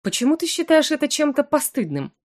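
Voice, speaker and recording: A woman's voice: high voice, very animated, fairly quick, pitched above the performer's own voice. Seductive male incubus professor, purring and teasing, for an audiobook; a woman reads him.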